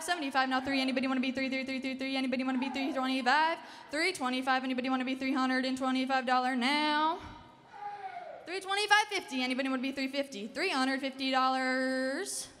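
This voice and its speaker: A teenage young woman calling bids in a fast, repetitive, rolling auctioneer chant on a ballroom stage. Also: high-pitched, fairly even intonation, fairly bright tone. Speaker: junior auctioneer contestant. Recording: hall reverb, noisy ballroom stage.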